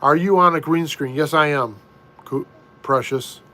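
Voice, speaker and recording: An easygoing middle-aged American man chats on a home live stream. His voice sits a little high for a man, and he speaks slowly, repeating himself and starting sentences over as he answers viewers. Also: pushed and bright. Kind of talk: casual live chat reading viewer comments. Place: room at home.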